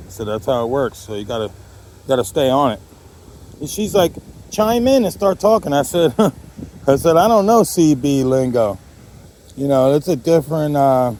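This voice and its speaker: A man with a medium-pitched voice talks off the cuff to his viewers. He rambles in a jokey, conversational way, like a hobbyist making a vlog. There is slight noise behind him. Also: darkish tone. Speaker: amateur radio hobbyist vlogger. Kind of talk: casual chat to viewers.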